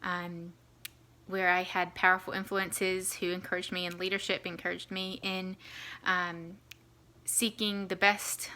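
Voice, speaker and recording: A woman's voice: on the low side, sharp tone. A New Zealand woman in her thirties telling her life story casually to the camera, with many ums and easy laughs.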